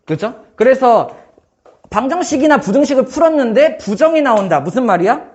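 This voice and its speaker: A man teaching math in a casual one-on-one lesson, firing quick questions at his student and joking. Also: extremely high pitch, big pitch swings, a little mellow, lo-fi sound. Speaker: math tutor.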